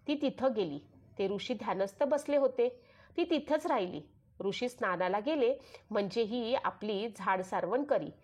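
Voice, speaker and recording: A woman narrating a traditional devotional folk tale with a Marathi accent, in a steady sing-song retelling that carries the characters' quoted lines. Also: a little high. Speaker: storyteller.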